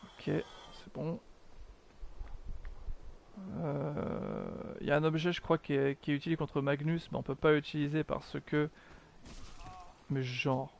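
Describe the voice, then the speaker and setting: Gravelly-voiced man streaming a game. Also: fairly high pitch, a little mellow, a little hiss or hum. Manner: chatty, self-mocking, swears often, answers chat. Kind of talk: live gameplay commentary.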